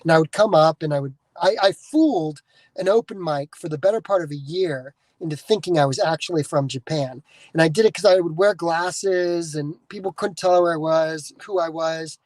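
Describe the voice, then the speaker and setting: A man's voice: fairly high pitch, normal speed, a little mellow, no room sound, rough recording. A man from the United States hosting a podcast, talking in a casual, rambling monologue full of restarts and swearing. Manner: digressive, swears freely, many restarts. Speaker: podcast host.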